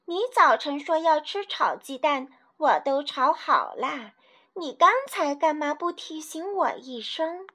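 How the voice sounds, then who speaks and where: A woman voicing a kind, forgetful, hard-of-hearing old grandmother, speaking gently and softly. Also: sits high, lively intonation, measured pace, full character voice. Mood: soft, soothing. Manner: gentle, soothing, soft-spoken.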